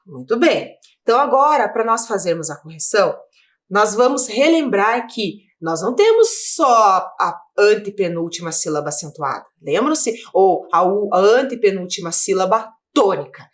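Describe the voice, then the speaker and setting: Woman teacher, from Brazil, video lesson for children, patient step-by-step explaining, lively rising and falling pitch. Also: normal speed. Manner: patient, explaining step by step with frequent check-ins.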